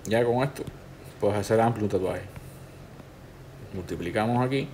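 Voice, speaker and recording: Low-voiced man explaining steps. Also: moderate pace, slight background noise. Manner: relaxed, instructive, talks the viewer through each step. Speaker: tattoo artist teaching a digital stencil technique. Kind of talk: step-by-step tutorial narration.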